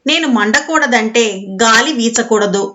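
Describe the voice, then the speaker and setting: A woman's voice: a little high, a little slow, sharp tone, dull audio. A woman voicing a cooking fire that scolds a goat kid with questions, in a storybook reading. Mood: resentful. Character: talking cooking fire, resentful yet pitying.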